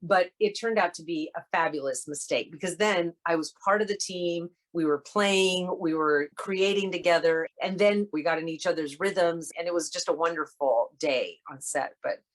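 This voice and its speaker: A woman guest on an interview show, telling a story in a lively way and acting out the lines of the people in it. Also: on the low side, moderate pace, few pauses. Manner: animated, acts out quoted dialogue. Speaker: guest actress.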